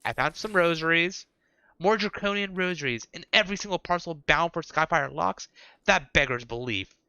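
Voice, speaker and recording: A man's voice: on the high side, lively intonation, moderate pace, pushed and bright, clean tone, no room sound, poor audio. A man reading aloud the formal, solemn lines of a house official in a video game.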